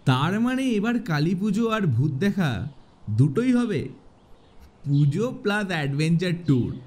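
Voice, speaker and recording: Teasing young guy, slow, mellow tone, lively pitch. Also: heavily acted. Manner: teasing, playful. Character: teasing young man, cheerful friend.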